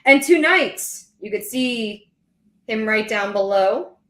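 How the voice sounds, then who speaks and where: A woman's voice: a little high, lively intonation, slow, a bit bright, roomy sound. A woman co-hosting a live podcast, bubbly and chatty, laughing often. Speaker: podcast co-host. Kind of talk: casual live podcast chat.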